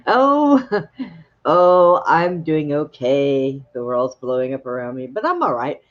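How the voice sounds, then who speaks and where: A woman's voice: very deep voice, big pitch swings, moderate pace, few pauses. A woman co-hosting in casual banter, wry and teasing, with a dull recording. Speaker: co-host. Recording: dull, lo-fi sound.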